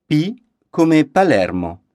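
A man's voice: on the high side, very animated, slow, warm tone, no echo, clean studio sound. A man reading a scripted language lesson, spelling out each letter with an example word. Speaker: language course reader.

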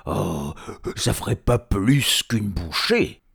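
Slow, lumbering storybook trolls who bicker endlessly, their voices gravelly and rough, as a man acts them out. The drawl is heavy and unhurried, and the pitch lurches up and down wildly. They sound big, dim and quarrelsome. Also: sing-song, heavily acted. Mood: gruff. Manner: gruff, drawling, shouting and bickering. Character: hulking dim-witted male trolls, quarrelsome. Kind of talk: storybook reading.

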